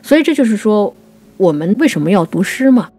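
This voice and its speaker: A woman who is a podcast writer and co-host explains poetry in a reflective, conversational literary discussion. Her medium-pitched voice is warm and husky, brisk, with big pitch swings. Soft music plays in the background.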